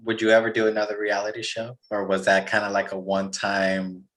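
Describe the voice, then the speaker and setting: Host, male, slightly low voice, easygoing questions with a quick laugh. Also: monotone, fairly bright tone. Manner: friendly, laughs easily, loose questions. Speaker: interviewer host. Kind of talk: casual interview.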